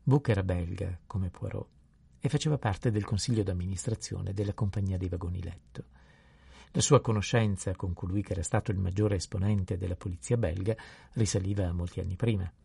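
A man calmly narrating a novel in an unhurried reading voice. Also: deep voice, vocal fry, breathy edge, dry recording. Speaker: audiobook narrator.

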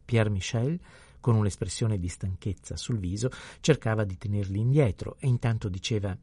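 A man calmly reading a novel aloud as an audiobook narrator. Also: on the low side, moderate pace, breathy edge, no room sound. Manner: calm, even storytelling. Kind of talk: scripted narration.

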